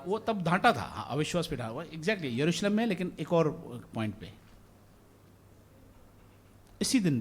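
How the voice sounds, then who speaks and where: A male pastor from India delivers an animated sermon, questioning his congregation as he goes. His voice sits high for a man. It rises and falls widely as he talks. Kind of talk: Hindi sermon with English phrases.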